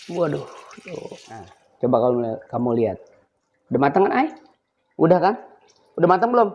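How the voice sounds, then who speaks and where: A man's voice: a little high, big pitch swings, normal speed, a little mellow, breathy edge, muffled recording. An older man, hosting a casual cooking vlog and playfully coaxing his grandchild as he talks. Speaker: vlog host.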